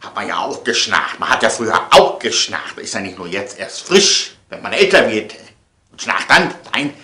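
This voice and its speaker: A deep-voiced man with a sharp tone hosts an online show, delivering a comedic monologue to his viewers. He's theatrical and repeats phrases for emphasis. The recording has an echoey room sound.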